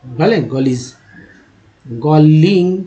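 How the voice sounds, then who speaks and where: A man teaches English reading in a slow spoken lesson, sounding out words letter by letter and repeating each. His voice is a little high, animated and mellow, with drawn-out words, on a dull lo-fi recording.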